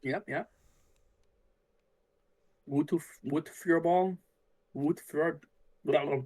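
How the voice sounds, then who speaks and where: A man's voice: fairly high pitch, fairly even intonation, slow pace, a little mellow. A man casually commentating on a card game tournament, musing aloud about the plays as they happen. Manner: thinks aloud, musing and easygoing.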